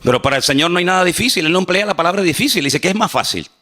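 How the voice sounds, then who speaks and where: A male pastor preaching a sermon in an animated way, acting out quotes and joking with his congregation. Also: sits high, rapid-fire.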